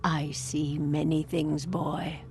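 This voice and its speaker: A woman playing a mysterious, sly fortune teller in a video game, with a drawn-out, theatrical delivery. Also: sits low, level tone, darkish tone, faint music behind. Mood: sly, bargaining. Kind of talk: video game character acting.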